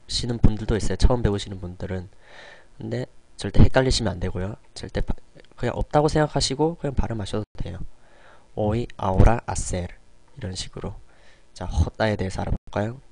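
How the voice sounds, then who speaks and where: A man teaching in a recorded online lesson, explaining patiently step by step and slowly sounding out example words. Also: lowish voice, dry recording. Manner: often starts sentences with a soft "yes". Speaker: Spanish teacher.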